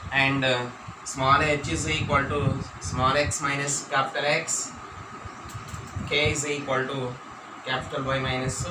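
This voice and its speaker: A man with an Indian accent teaching mathematics as a classroom lecture, dictating key points and repeating phrases. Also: mid-range voice. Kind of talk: classroom lecture for exam students. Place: echoey room, teaching at a board. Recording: roomy, distant microphone, noisy background hum.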